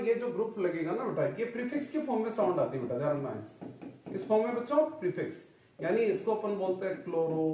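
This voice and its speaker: A man's voice: sits high, darkish tone, distant mic. A man teaching a chemistry lecture, quizzing his students with repeated questions and calling them children. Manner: calls students "children" and "son". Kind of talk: classroom lecture. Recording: very echoey room, voice off-mic.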